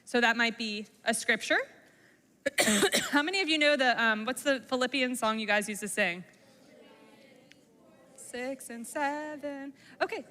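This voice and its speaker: A woman with a high, bright voice leads a middle school lesson, pausing often to ask the students questions. Her voice rings out with a long reverb, as in a school hall. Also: lively intonation. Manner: engaging, asks the class questions. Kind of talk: classroom talk to middle schoolers.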